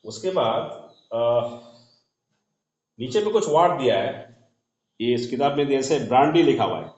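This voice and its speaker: A man explaining shorthand in a classroom, spelling out letters as he writes and often trailing off softly. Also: medium pitch, expressive, a little slow. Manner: talks while writing on a board, spells letters aloud, trails off softly. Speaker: shorthand teacher. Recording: echoey dull room recording.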